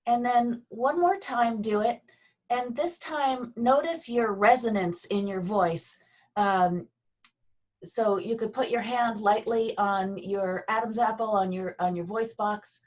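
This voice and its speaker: A woman teaching a Feldenkrais class over a video call, speaking gently and unhurriedly with pauses and fillers. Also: mid-range voice, far from the mic. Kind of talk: guided movement lesson over video call.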